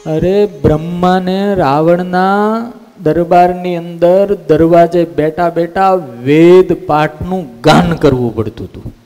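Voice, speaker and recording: A man giving a storytelling sermon as a swami in a temple, acting out voices with lively animation. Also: fairly high pitch, slow. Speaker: swami giving a religious discourse. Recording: long temple hall reverb, faint music.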